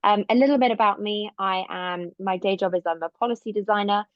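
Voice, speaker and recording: A woman's voice: mid-range voice, brisk, no room sound. A woman with a Southern English, home counties accent introducing herself conversationally as a panelist on an online call. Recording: dull, lo-fi webinar audio.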